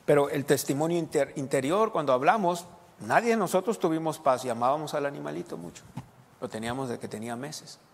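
A middle-aged male pastor preaches a sermon in a fairly high voice. He turns to the congregation with questions and breaks off to restart his sentences. The long reverb of a church hall carries his words. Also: brisk, creaky.

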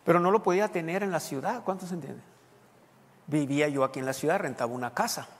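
Gravelly-voiced male pastor in echoing hall. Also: on the high side, fast. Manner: conversational, asks the congregation questions. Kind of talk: sermon told as a personal story. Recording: long hall reverb.

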